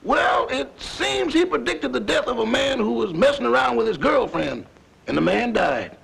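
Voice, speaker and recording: A man playing an impudent, wisecracking servant in gravelly 1940s screwball comedy banter. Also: very high-pitched, big pitch swings, moderate pace, a bit bright, full character voice. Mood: storytelling, puzzled. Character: wisecracking, impudent male servant to a broke boss. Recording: faintly noisy 1940s film soundtrack.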